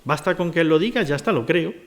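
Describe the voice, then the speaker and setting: A man's voice: on the high side, expressive, quick pace, fairly bright tone. A man preaching a sermon, retelling scripture stories and asking his listeners rhetorical questions.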